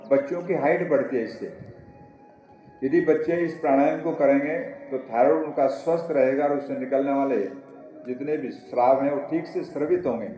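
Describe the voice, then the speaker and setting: A man's voice: mid-range voice, slight background noise. A man teaching yoga and home remedies at a public event, giving step-by-step instructions straight to his audience. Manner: instructive, addresses audience directly. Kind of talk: yoga and ayurveda class talk. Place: outdoor university yoga event. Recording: roomy, dull sound with faint ambience.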